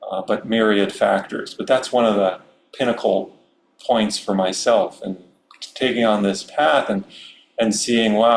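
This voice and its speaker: A middle-aged man from Maryland speaking as a Zen priest, giving a relaxed, unhurried Dharma talk with many fillers and soft chuckles. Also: lowish voice, creaky. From Maryland, USA. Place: meditation hall. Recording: roomy hall with faint hum.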